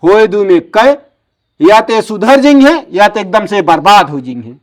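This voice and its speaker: A man's voice: sits high, lively intonation, moderate pace. A man playing an exasperated village family man in a comedy sketch, scolding emphatically with an Awadhi accent.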